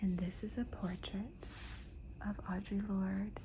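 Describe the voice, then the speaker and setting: A woman talks about books in a hushed, whispery ASMR style. Her delivery is very unhurried and deliberate, with gentle pauses and a crackly fry in the voice. Clear background noise sits behind her words. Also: mid-range voice, steady tone. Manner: slow, deliberate, gentle pauses between phrases. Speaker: host of a book haul video. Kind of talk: soft-spoken ASMR book talk.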